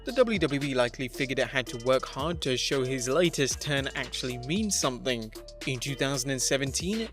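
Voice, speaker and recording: Male countdown narrator, mid-pitched, even and dry, reading over soft background music. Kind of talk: scripted narration. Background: faint background music.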